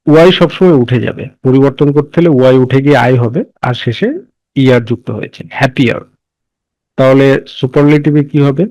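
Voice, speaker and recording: A man with a Bangladeshi accent teaching a grammar lesson. He asks questions and answers them himself, spells words letter by letter, and slows down to dictate English phrases word by word. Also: medium pitch, darkish tone, no room sound, highs cut off.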